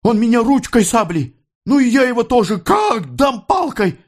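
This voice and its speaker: A man's voice: very high voice, sing-song, moderate pace, voice pushed up, heavily acted. A man voicing a bloodied young male factory worker who is defiant and boastful, talking in cocky, breathless exclamations.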